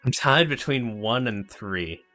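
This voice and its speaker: A man playing a game and reading the dialogue choices aloud, deadpan. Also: medium pitch, a little slow, faint music behind. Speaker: gamer co-playing.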